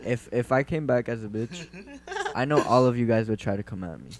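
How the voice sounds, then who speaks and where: A man's voice: mid-range voice, expressive, fairly quick, background noise. A young man co-hosting a podcast, laid-back and slangy, brushing off his friends' teasing. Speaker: podcast co-host. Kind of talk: casual chat.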